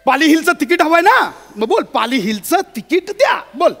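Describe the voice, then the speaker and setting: A man performing a stage comedy sketch, blustering and shouting at the others. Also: extremely high pitch, big pitch swings, brisk. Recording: stage show with loud music and audience laughter.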